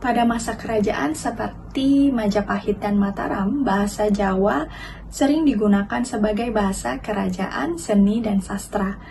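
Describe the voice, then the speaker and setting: A young woman, a university student, giving a class presentation with careful, measured explanation. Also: mid-range voice, gravelly, warm tone. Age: young adult. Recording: distant mic, faint noise.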